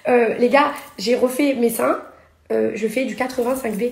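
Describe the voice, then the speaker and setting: A woman's voice: a little high, gravelly, a little mellow, roomy sound, slight background noise. A young woman and reality TV personality ranting sarcastically in a social media story, talking into her phone. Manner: indignant, sarcastic, rapid-fire. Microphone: phone held at arm's length.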